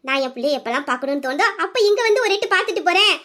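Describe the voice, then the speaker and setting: A woman's voice: extremely high pitch, lively intonation, very fast, sharp tone, exaggerated voice. A woman voicing a loving middle-aged mother who speaks in a heartfelt, homely way about her married daughter. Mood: laughing.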